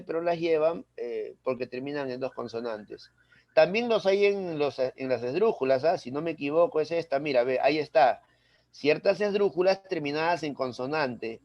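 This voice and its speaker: A man's voice: fairly high pitch, darkish tone, no room sound. A man teaching a grammar lesson to a class, explaining step by step and often checking with questions like "right?". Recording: dry, dull lo-fi sound.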